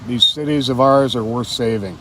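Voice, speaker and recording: A man's voice: medium pitch, normal speed, fairly bright tone, far from the mic, poor audio. A man with a slight whistle on his S sounds, chatting casually as co-host of a live stream in a car. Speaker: livestream co-host. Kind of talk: casual live patrol chat. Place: moving car on city streets. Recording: clear road and traffic noise. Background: traffic and vehicle noise.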